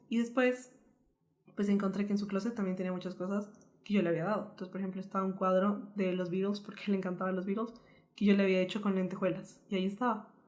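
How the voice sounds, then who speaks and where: As a podcast co-host, a young Colombian woman earnestly shares a painful personal story in a lively, flowing manner. Her voice is mid-range.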